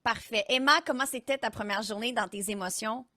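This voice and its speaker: Bright, high-voiced woman host. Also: brisk, no echo, studio quality. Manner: upbeat, encouraging. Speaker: host, streamer. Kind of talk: hosting a live stream.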